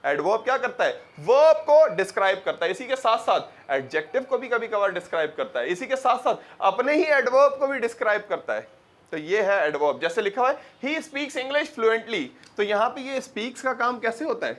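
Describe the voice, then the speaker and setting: High-voiced emphatic teacher. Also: male voice, sing-song, moderate pace, a bit bright. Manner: emphatic, rhetorical questions. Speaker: English grammar teacher. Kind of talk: lecture mixing Urdu and English.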